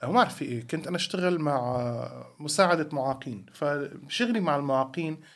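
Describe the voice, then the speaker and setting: A man's voice: fairly high pitch, fast. A man with a Levantine Arabic accent chatting casually and bluntly as a podcast co-host, telling stories and dropping in some English. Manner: animated storytelling, mixing in some English. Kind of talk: casual opinionated chat.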